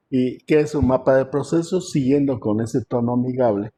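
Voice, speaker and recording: Over a video call, a male professor lectures an online class in a conversational way, full of fillers and frequent throat clearing. His voice is medium-pitched, unhurried, and warm.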